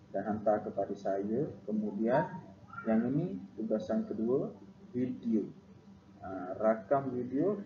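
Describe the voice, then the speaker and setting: A male primary school teacher with a Malaysian Malay accent, giving a recorded online lesson, repeating himself with frequent "ah" fillers. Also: lowish voice. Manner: repetitive, frequent "ah" fillers, instructive. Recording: echoey, dull lo-fi, noisy.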